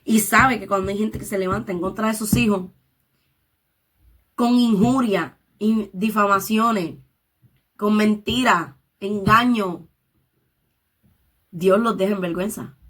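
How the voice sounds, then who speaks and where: A woman's voice: mid-range voice, takes it slowly, a bit bright. A woman leading a Bible study, reading scripture aloud and explaining it in her own words, dropping in English interjections. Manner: reads scripture aloud and paraphrases it.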